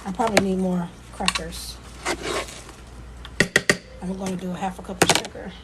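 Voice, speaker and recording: A woman's voice: mid-range voice, level tone, normal speed. A woman vlogging casually in her home kitchen, chatting to viewers and her kids while she cooks. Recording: loud background noise.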